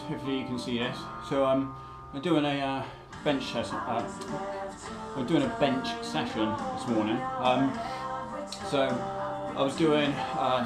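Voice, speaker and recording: A man talks casually through his training session, at an ordinary middle pitch. He explains as he goes, with plenty of ums and restarts, and clear guitar music plays behind him. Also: rough recording. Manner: relaxed, hesitant with frequent ums. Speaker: fitness vlogger.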